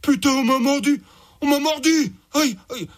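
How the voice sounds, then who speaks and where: Brief: a slangy, dim-witted thug with a high, mocking voice, as a storyteller puts him on. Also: male voice, lively intonation, brisk. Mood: pained. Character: dim-witted crude male desert thug.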